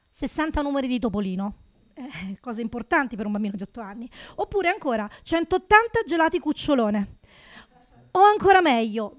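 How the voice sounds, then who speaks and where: A Neapolitan woman in her thirties performs stand-up into a handheld microphone on a small club stage. Her high-pitched delivery is sarcastic and animated, jumping up for the punchlines.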